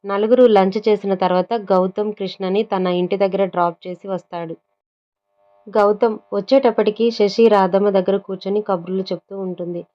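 A woman's voice: mid-range voice, steady tone, normal speed. A woman narrating a serialized story and reading every character's lines in much the same voice. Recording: dull lo-fi sound.

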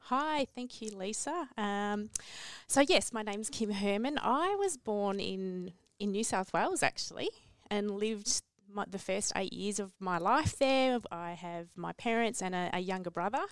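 A woman's voice: medium pitch, lively intonation, a little slow, clean tone, no room sound. A woman, a radio guest sharing her story in a reflective way. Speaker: guest entrepreneur. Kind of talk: radio interview. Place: small radio studio. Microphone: headset mic.

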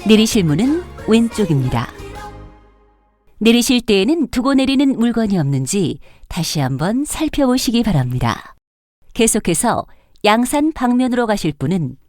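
A woman's voice: mid-range voice, darkish tone, dry recording, clean studio sound. A woman reading a prerecorded train station announcement in a polite, formal, evenly paced voice. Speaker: subway announcer.

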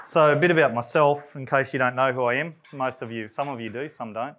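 An Australian man gives a live technical presentation, and he talks very quickly. His delivery is casual, with lots of "um"s and restarts, and he calls his own voice monotone. His pitch sits mid-range for a man. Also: slight background noise. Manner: rapid, conversational, with many fillers and restarts; self-described monotone. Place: event room.

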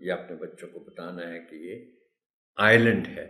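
A man giving a pronunciation tutorial for teachers, slowly drilling single words one at a time. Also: low-pitched, completely flat delivery. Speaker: teacher trainer. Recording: echoey room.

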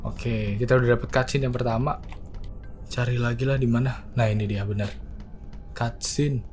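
A man giving relaxed, slangy commentary while playing a horror game. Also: mid-range voice, moderate pace, soft background music. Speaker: gaming channel host. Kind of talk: casual gameplay commentary.

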